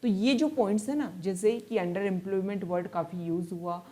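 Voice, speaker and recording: A woman's voice: mid-range voice, dark tone. Woman tutor explaining newspaper stories. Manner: reads English passages slowly, then explains in Hindi; explanatory, repeats and rephrases points. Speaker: exam-prep tutor. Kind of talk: newspaper analysis lesson.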